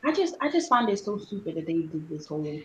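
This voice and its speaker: A woman's voice: sits low, sing-song, fast, a loud crowd, low-quality recording. A woman in a casual fan chat, speaking frankly and critically.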